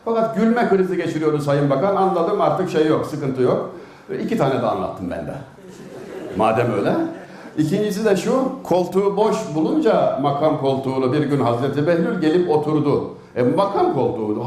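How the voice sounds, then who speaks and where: A man's voice: fairly quick, roomy sound. A man telling humorous anecdotes in a religious talk, acting out the characters with big swings of voice. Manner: animated, swings pitch up and down to act out each character. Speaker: storyteller giving a religious talk. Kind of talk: storytelling talk with acted quotes.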